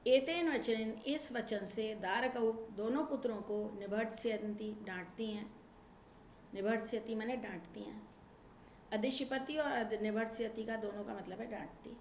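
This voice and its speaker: A woman teaching a Sanskrit lesson, reading verses slowly and explaining them line by line in Hindi. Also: a little high. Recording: echoey room with faint ambient noise.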